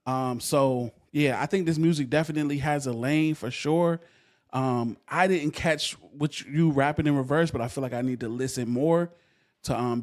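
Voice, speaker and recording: A man's voice: medium pitch, darkish tone. Young male host of a music review stream, laid-back and jokey, heavy slang. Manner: loose, joking slang-heavy talk. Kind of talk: casual livestream music review.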